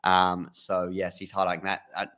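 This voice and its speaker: A man's voice: low-pitched, moderate pace. A man hosting a live tennis commentary podcast, chatting casually with fillers. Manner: chatty, relaxed, frequent fillers.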